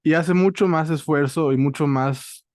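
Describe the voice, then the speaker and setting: Mexican man, playful host, mid-pitch, dry close mic. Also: measured pace, a little mellow, dry recording. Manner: playful, slangy, leading the talk. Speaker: podcast host. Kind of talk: casual panel chat.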